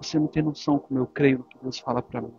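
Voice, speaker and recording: A man preaching a sermon as a pastor, swinging between forceful exhortation and hushed, intimate speech. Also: medium pitch, fairly even intonation, rapid-fire. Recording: dull lo-fi church recording with faint music.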